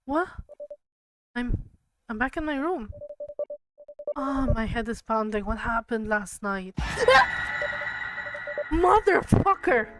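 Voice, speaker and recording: Brief: woman streamer, a bit high-pitched, hushed story reading, faint music underneath. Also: big pitch swings, drawn-out words, long pauses. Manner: hushed narration mixed with chatty asides to viewers. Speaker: livestreamer. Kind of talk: reading a game's story aloud on a live stream.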